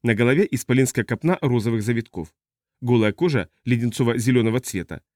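A man reading an audiobook as narrator, measured and even. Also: mid-range voice, dry recording. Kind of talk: scripted narration.

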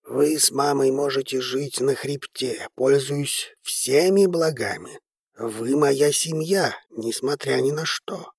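Male reader as an old family head; calm, measured, very slow; audiobook. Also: medium pitch, gravelly, husky, no echo, clean studio sound, full character voice. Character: calm, commanding old grandfather patriarch. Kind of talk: audiobook character reading.

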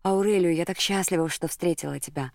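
A tearful, eager young woman in love, as an audiobook reader puts her on, raised and emotional, with a gravelly edge and dry close sound. The voice lifts high when excited. It reads like a heroine in a romantic audiobook. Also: a little fast, dry recording, lightly acted.

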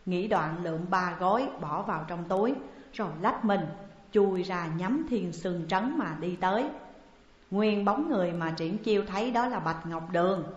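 A woman narrating a classic novel as an audiobook in a steady storytelling voice. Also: medium pitch. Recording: dull echoey recording, long reverb.

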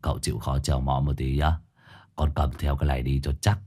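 A man voicing a drunk, cheeky young male disciple with a low, muttering drawl. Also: flat delivery, brisk, a little mellow, husky, heavily acted. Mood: drunk boastful.

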